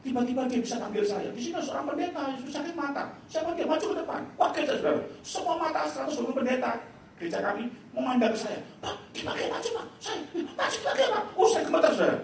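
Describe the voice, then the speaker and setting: Animated Indonesian pastor preaching in an echoing hall. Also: male voice, very high-pitched, quick pace, a little hiss or hum. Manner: animated storytelling, acting out dialogue. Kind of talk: sermon. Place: large church hall. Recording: echoey church hall, mic from a distance.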